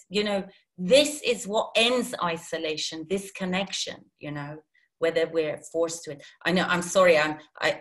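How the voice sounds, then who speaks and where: A woman's voice: lowish voice, a bit bright. A woman who grew up in Iran, a guest talking casually and animatedly with many restarts. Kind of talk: casual interview talk.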